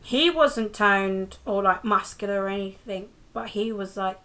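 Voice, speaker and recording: Speaking at a measured pace in a mid-range voice that sounds pushed and bright, this young woman from the UK reviews a TV episode casually. She holds the camera near her face and keeps stumbling into ums and fresh starts.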